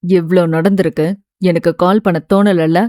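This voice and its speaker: A woman voicing an impulsive young man, blunt and rough-spoken, in a dry, close audiobook recording. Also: lowish voice, fairly even intonation, normal speed, dark tone, dry recording, pitched below the performer's own voice, lightly acted. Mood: hurt.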